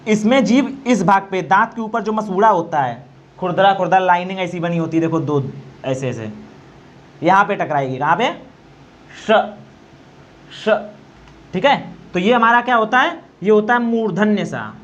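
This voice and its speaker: A male teacher giving an exam-prep grammar lesson, quizzing students, repeating answers and slowly demonstrating sounds. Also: high-pitched, animated, fairly bright tone. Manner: quizzing, repeats answers, asks "okay?" often. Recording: dull lo-fi recording.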